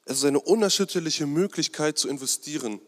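A man's voice: a little high, a little fast. A man preaching a sermon in a conversational, hesitant way, with many fillers and asides joking with the congregation. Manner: jokes with the congregation. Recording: long hall reverb.

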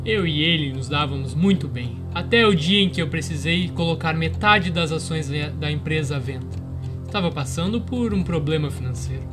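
A man plays a resentful Brazilian businessman in a radio drama. He sounds defensive and insistent in a fairly high voice. Music is clearly heard behind him. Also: lively intonation, normal speed, lightly acted. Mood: aggrieved.

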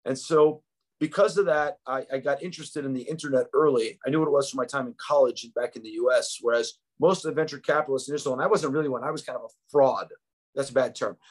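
This man in his fifties is an American podcast guest with a New York accent, telling his story in an easy, reflective interview style. He talks fast at an ordinary middle pitch and often restarts phrases with small fillers.

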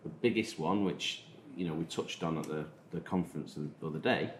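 A man with a Manchester accent talking casually as a podcast host, often halting and rephrasing. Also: sits low. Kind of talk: casual discussion of digital marketing. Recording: roomy echo, faint noise.

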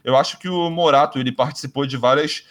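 Brazilian male podcast host, loose casual chat, swears a lot, trips over his own words, mid-pitched voice. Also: quick pace, fairly bright tone. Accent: Brazilian Portuguese. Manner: rambling, swears freely, many restarts.

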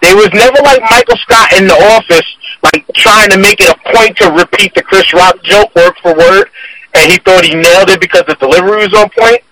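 A podcast guest, a man, speaks over a conference call. His voice is high and bright. He talks earnestly in long, run-on explanations during casual chat. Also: a little fast, slight background noise, poor audio.

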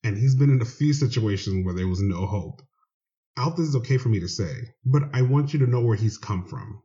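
A man's voice: medium pitch, animated, a little fast, mellow. A man hosting a show, introducing a guest in an earnest, conversational way. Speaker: host. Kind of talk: casual spoken introduction. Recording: dull lo-fi recording.

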